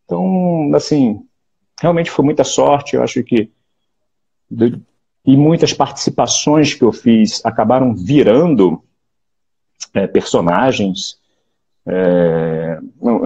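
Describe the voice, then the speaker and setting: A Brazilian actor in his late forties from Rio de Janeiro with a Carioca accent, talking in a relaxed, reflective way over a video call, often restarting and adding "né?". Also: medium pitch, breathy edge, lo-fi sound. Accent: Carioca Portuguese. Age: late 40s. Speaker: actor, interview guest. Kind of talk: casual interview chat.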